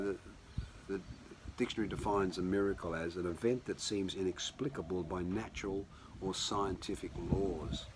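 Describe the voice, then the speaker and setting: A pastor delivers a sermon from his home in a relaxed, conversational way, often restarting his sentences. His very low voice is hoarse and a little croaky from a cold, with a faint hum behind him.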